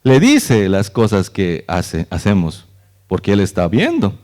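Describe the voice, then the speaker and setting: A man's voice: lowish voice, huge pitch swings, measured pace, darkish tone. Man, pastor, earnest conversational sermon, church service. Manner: earnest, conversational, frequent "¿no?" tags.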